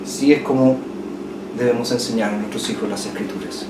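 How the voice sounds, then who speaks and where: A man with a Chilean Spanish accent preaching a sermon as pastor, swinging from loud passionate peaks to hushed, quiet lines. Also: mid-range voice, steady tone, brisk. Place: church hall. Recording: echoey church hall, distant mic, noisy.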